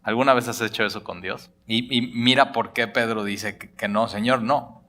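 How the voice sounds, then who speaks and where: Pastor guy preaching, bright voice, acts out the dialogue, playful. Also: fairly low pitch, normal speed. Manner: animated storytelling, acting out dialogue with jokes. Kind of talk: sermon.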